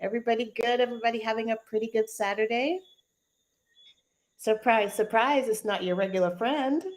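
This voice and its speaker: A woman's voice: fairly high pitch, a little fast, rough recording. A woman hosting a casual live online session like a conference call host, chatting informally with the group. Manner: chatty, informal, addresses listeners as "you guys".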